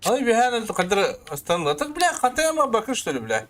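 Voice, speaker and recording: Jumpy, scared male horror game streamer, animated. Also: very high-pitched, a little fast, faint music behind. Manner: sweary, muttering to himself. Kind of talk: casual let's-play commentary.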